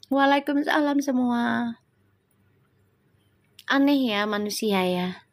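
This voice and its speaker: A woman, hosting a casual live stream, reading viewer comments and scolding them with rhetorical questions. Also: a little high.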